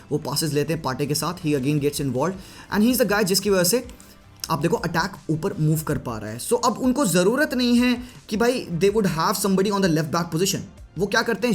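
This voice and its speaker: A man giving a casual, lively tactical breakdown of a football match, chatting to viewers and mixing in English phrases. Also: high-pitched, breathy edge. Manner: lively Hinglish commentary, mixing Hindi and English; chatty, addresses viewers as bhai. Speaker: football analyst.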